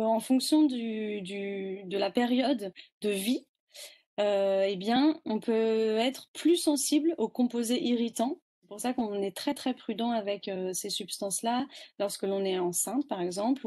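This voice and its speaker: A woman's voice: on the high side, a little mellow. A woman giving a webinar presentation, explaining terms step by step with frequent hesitations.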